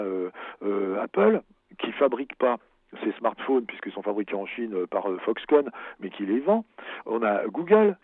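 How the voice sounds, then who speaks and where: A man's voice: mid-range voice, no room sound. Hesitant man on a tinny radio line. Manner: hesitant, many fillers, emphatic. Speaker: author guest. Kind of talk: radio interview. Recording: husky, phone-like radio sound.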